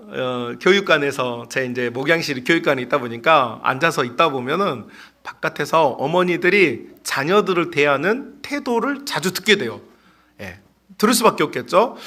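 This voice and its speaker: Lively, bright-voiced male pastor preaching. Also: a little high. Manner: animated and playful, acting out parents and chatting with children. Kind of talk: sermon.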